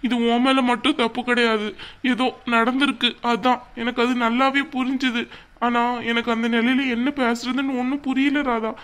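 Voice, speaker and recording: A woman's voice: fairly high pitch, level tone, normal speed, fairly bright tone, close to an everyday voice. Woman voicing a remorseful cartoon young husband. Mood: apologetic. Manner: apologetic and soothing. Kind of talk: cartoon voice acting.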